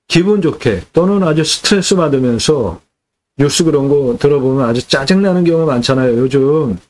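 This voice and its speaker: A man's voice: on the high side, a little mellow. A middle-aged man hosting a land sales channel, delivering an indignant, scolding political rant.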